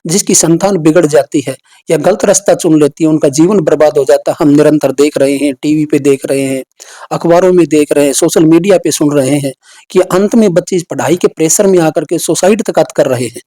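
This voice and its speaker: A man who teaches a meditation and yoga course, answering interview questions in a calm, measured, lecturing way. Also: on the high side, no room sound.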